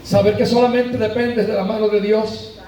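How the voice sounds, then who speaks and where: A man's voice: high voice, little pitch movement, normal speed, a crowd in the background. A man with a Puerto Rican Spanish accent, a pastor giving an emotional sermon testimony in a church. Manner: emotional testimony, tearful at times. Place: church sanctuary. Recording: very echoey church from far off. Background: congregation responding.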